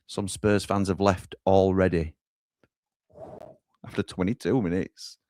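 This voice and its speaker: A man's voice: deep voice, little pitch movement, unhurried, warm tone, no room sound, studio quality. A man hosting a live football watchalong, reading out viewer comments and handing over to the lads at the grounds. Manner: reads out viewer comments and hands over to reporters. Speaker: watchalong host.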